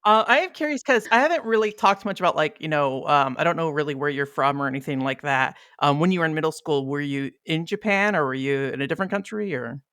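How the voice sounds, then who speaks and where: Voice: mid-range voice, expressive, quick pace, hardly any pauses, fairly bright tone, clear, resonant tone, no echo, studio quality. A podcast host asking curious, rambling questions in a casual interview.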